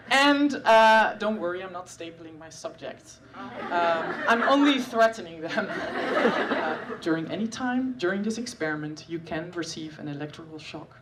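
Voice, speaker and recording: On stage at a live comedy show, a Dutch-accented neuroscientist in her thirties from the Netherlands performs stand-up about her science work, dry and self-deprecating with frequent filler sounds. Her voice is fairly low, expressive, and unhurried, captured from a distance with a crowd audible behind her.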